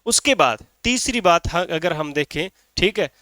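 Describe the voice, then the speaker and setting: A man's voice: fairly high pitch, expressive, a little slow, bright, forceful tone, no echo, clean studio sound. A man teaching a grammar lesson in Hindi, who keeps saying "ठीक है" and asks and answers his own questions.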